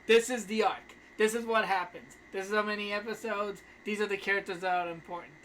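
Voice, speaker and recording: A man's voice: high voice, fairly even intonation, a little fast, pushed and bright, slight background noise. A young man co-hosting a podcast in casual, slangy chat, laughing often. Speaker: podcast co-host.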